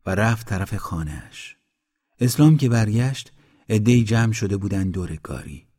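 Calm low-voiced man reading a story. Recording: long hall reverb.

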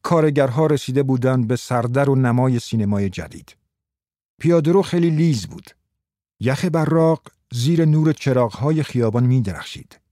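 A man narrating an audiobook in a calm, steady storytelling manner, close to the mic. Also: medium pitch, dry recording.

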